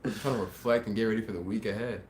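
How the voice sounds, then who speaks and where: Male co-host, lowish voice, teasing and slangy, casual stories, roomy echo. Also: fairly even intonation, rapid-fire, darkish tone. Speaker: podcast co-host. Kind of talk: casual banter and storytelling. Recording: echoey room, faint noise.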